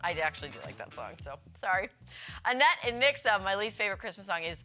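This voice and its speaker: A woman's voice: medium pitch, sing-song, quick pace, bright, forceful tone, faint music behind. A young woman co-hosting a live TV morning show, upbeat and giggly, reading out viewer comments. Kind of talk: casual TV morning show chat. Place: TV studio.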